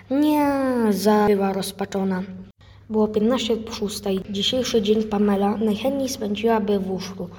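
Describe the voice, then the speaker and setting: Female reader, breathy tone, steady storybook reading, echoing hall. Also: medium pitch. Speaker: narrator reading a book excerpt. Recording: long reverb in a hall-like room.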